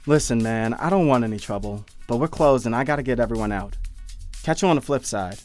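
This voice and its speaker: A performer playing an easygoing teenage fast-food worker who uses 1970s slang and stays calm but firm. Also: medium pitch, soft background music, lightly acted. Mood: laid-back. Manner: laid-back 1970s slang, calm firm with rowdy customers. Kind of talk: audio drama acting.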